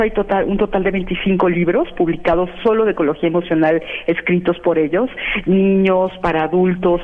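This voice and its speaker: A woman calls in to a radio show over a tinny, narrow phone line. She explains at length, affirming often and pausing on fillers. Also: fairly low pitch. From Mexico. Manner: affirming, talks with many fillers. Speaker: guest institute director.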